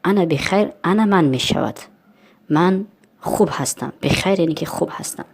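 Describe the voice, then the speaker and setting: A woman with a Tajik accent and a notably low voice, teaching vocabulary. She says each word slowly, then explains what it means in a patient classroom manner. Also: animated, creaky, breathy edge. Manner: repeats words slowly, then glosses them. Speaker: lesson host and translator. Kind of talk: explaining vocabulary in a language lesson.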